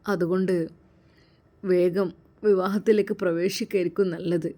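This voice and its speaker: A woman voicing an affectionate young man, a caring elder brother who coaxes gently. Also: lowish voice, fairly even intonation, normal speed, close to an everyday voice. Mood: sorrowful. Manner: tender, coaxing.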